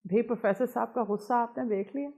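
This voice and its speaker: High-voiced woman hosting cricket commentary. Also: steady tone. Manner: emphatic, sudden swings in loudness. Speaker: channel host.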